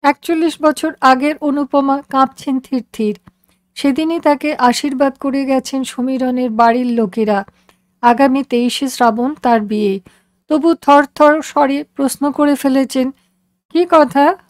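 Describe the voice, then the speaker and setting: A woman reading a literary story aloud in a measured, reflective and expressive way. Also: high-pitched, dry recording. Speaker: story reader.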